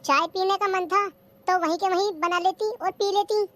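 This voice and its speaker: A performer voicing a cheeky, lazy young daughter-in-law who talks back, in a cartoon comedy. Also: female voice, very high-pitched, steady tone, normal speed, a bit bright, dry recording. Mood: sassy.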